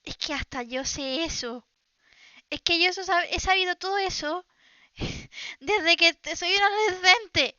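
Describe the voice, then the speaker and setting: High bright Spanish-accented woman, animated. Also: moderate pace, no echo, muffled recording. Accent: Spain Spanish. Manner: animated, laughs often, exclaims. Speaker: VTuber reacting to clips. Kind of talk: casual reaction commentary.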